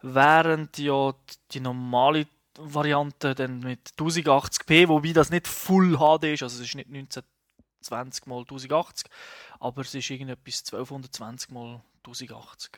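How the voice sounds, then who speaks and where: A man's voice: mid-range voice, fairly even intonation, moderate pace, a bit bright, no echo, studio quality. A man with a Swiss German accent, hosting a casual podcast and steering the talk with questions. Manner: leads the talk, asks questions. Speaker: podcast host.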